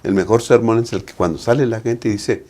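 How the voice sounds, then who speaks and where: A man's voice: on the low side, steady tone, fairly quick, darkish tone. A man with a Mexican Spanish accent, a pastor discussing the Sabbath school lesson in a preaching manner, often adding tag questions.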